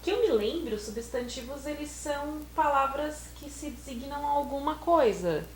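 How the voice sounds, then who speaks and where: A woman's voice: sits high, expressive, normal speed. Easygoing woman guessing answers. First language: Portuguese. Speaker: co-host playing the student. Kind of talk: casual bilingual lesson chat. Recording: echoey room, faint hum.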